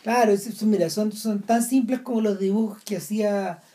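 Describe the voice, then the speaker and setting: A woman's voice: medium pitch, normal speed, dark tone. A woman with a Chilean accent, talking casually about a film, hesitant with many restarts. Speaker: film commentator.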